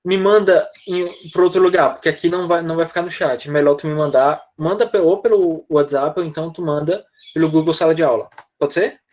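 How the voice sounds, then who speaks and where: A man's voice: on the high side, steady tone, brisk, few pauses, darkish tone. A male Brazilian teacher with a Brazilian Portuguese accent explaining words to students in an online class, often checking in with short questions. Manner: explanatory, uses tag questions like "né?" and "tá?". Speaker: English teacher. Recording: dull lo-fi online class audio.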